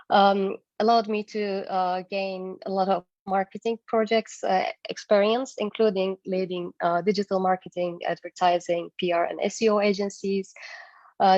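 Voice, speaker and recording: Through a video call microphone with dull, dry sound, a woman from Turkey, an agency founder invited as a guest speaker, walks through her business using slides. She sounds hesitant and leans on fillers. Her voice is mid-range and darkish, with no echo.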